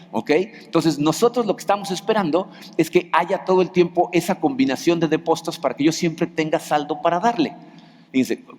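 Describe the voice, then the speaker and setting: A man's voice: on the high side, darkish tone. A middle-aged man with a Mexican Spanish accent preaching a sermon in a conversational way, often asking the congregation questions. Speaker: pastor. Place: large church hall. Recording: long hall reverb.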